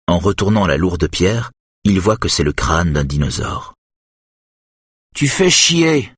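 A man doing measured, scripted audiobook narration of a thriller. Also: low voice, husky, no echo, studio quality.

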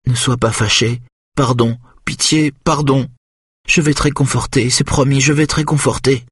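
A frightened woman lost in a deep hypnotic trance, speaking like a small child in a raised, thin voice, as a male narrator puts her on. She pleads and frets in a small, breathy way, heard close and dry in an audiobook reading. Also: steady tone, normal speed, no room sound, lightly acted. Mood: pleading.

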